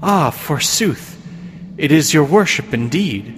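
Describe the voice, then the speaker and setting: A woman's voice: low voice, animated, takes it slowly, slight background noise. A man voicing a pious old woman who is secretly a witch, chattering in quaint old-fashioned speech. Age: older. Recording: long reverb.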